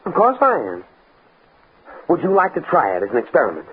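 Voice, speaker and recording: Earnest bookish young man, animated old-radio delivery. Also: on the high side, a little fast, phone-quality sound. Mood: confident. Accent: American. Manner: precise, bookish, stammers when flustered. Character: earnest, stuffy young male academic, pedantic and hesitant. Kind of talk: mid-century American radio drama acting. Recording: scratchy, band-limited old radio recording with noise.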